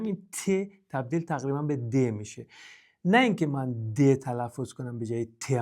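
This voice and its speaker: Man teaching English. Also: medium pitch. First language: Persian. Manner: explains step by step, switching into slow, careful English examples; demonstrates pronunciation with puffs of air. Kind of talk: spoken language lesson.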